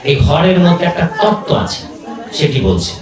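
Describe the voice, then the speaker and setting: A man's voice: fairly high pitch, very animated, normal speed, music in the background. Man preaching in an echoey hall. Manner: chants and asks rhetorical questions, sing-song. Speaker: religious scholar. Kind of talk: devotional discourse. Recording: echoey room, far from the mic.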